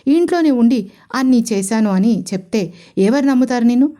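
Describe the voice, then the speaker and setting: A stern middle-aged mother-in-law scolds in a sharp, accusing tone, as a woman narrator puts her on. The voice stays mellow and dark underneath. It comes from a spoken audio storybook. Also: fairly high pitch, animated, brisk, voice pushed up, natural voice. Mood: angry scolding.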